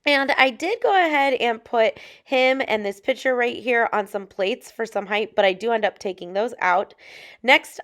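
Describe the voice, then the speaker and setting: Upbeat chatty woman vlogging at home. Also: fairly high pitch. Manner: upbeat, chatty, addresses viewers as friends. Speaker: lifestyle vlogger. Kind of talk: casual home decorating vlog. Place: home kitchen.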